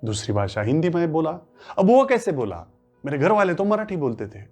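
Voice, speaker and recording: A man's voice: fairly high pitch, very animated, fairly quick, soft background music. A man whose first language is Marathi, teaching a spoken English lesson in Hindi. He asks questions, answers them himself, and repeats phrases for emphasis. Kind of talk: classroom-style lesson.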